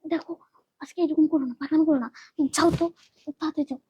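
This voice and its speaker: A woman acting a nervous young girlfriend in a skit, anxious and hushing, pleading in low tones. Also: steady tone, quick pace, close to an everyday voice. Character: nervous young girlfriend hiding her lover.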